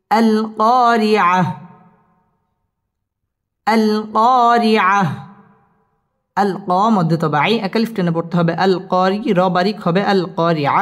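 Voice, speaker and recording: A man with a Bangladeshi accent teaches Quran recitation at a patient, unhurried pace, drawing out each syllable. His voice sits high. The sound carries a long reverb tail with faint music underneath. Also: fairly bright tone. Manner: slow, drawn-out recitation, letter by letter. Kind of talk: Quran tajweed lesson, spelling letters and reciting.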